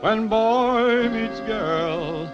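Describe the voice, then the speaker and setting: An actor playing a young man who croons a love song in a smooth, unhurried way in a 1950s film. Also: high-pitched, music in the background. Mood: romantic. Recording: dull 1950s film soundtrack with loud band.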